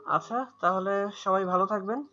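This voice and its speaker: A man's voice: sits high, moderate pace, bright, forceful tone, soft background music. A man with a Bangladeshi accent teaching English pronunciation in an online class, patiently repeating words for students over a video call. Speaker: English tutor. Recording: muffled video-call audio.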